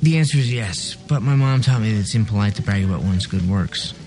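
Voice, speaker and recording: Blunt dying rich guy, Boston edge, gravelly and quiet, music behind. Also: lowish voice, expressive, fairly quick. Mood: defiant. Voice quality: soft-spoken, hard to hear. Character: dying rich businessman, blunt, defiant man. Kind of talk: TV drama dialogue. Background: bar sounds and music.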